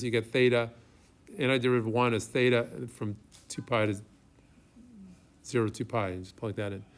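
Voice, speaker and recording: A man gives a classroom math lecture in a mid-pitched voice. He talks informally, thinking aloud as he writes, and often turns to the students with a question. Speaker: math professor. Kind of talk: classroom lecture, working through problems aloud.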